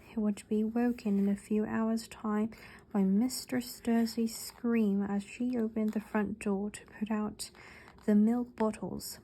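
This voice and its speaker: A woman reading a story aloud in a put-on British accent, with Korean as her first language, in a soft, half-whispered ASMR style. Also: on the high side, slight background noise, rough recording. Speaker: ASMR reader.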